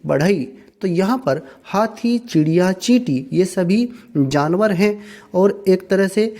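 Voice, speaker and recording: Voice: medium pitch, a little mellow. A teacher giving a step-by-step workbook lesson, patiently asking questions and then answering them, and repeating points in other words. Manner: repeats and rephrases to explain.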